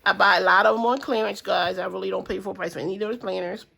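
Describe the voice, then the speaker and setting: A woman with a stuffy nose talks quickly to the camera about her budget, rambling through fillers and addressing viewers as guys and y'all. Her medium-pitched voice is pushed and bright, with vocal fry and fairly even intonation.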